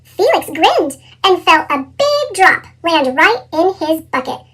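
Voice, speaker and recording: A woman reading a children's storybook aloud in an animated style, her voice sped up with a chipmunk effect. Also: slow pace. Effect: sped-up chipmunk pitch shift. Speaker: storybook reader.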